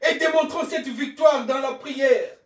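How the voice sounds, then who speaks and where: A man from Congo preaching an impassioned sermon as a pastor, fervent and often shouting in repeated declarations. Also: very high voice, unhurried, echoey room, distant mic. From Congo (DRC).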